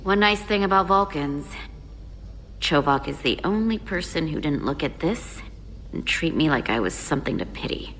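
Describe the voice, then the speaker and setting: A woman's voice: low voice, animated, moderate pace, fairly bright tone. A woman playing a guarded, frank starship engineer in a game, with a dry, wry way of talking. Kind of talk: scripted game dialogue. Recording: long reverb, faint ship ambience noise.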